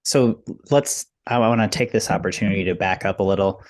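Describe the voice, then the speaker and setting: A woman's voice: very deep voice, fairly quick, darkish tone. A woman interviewing an athlete, asking loose, self-correcting questions in a casual way.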